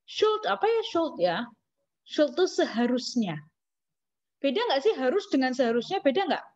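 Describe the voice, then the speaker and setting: A woman with an Indonesian accent teaching an English lesson, chatty and teasing, asking questions and answering them herself. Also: sits high. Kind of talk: classroom lesson. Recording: dull lo-fi recording.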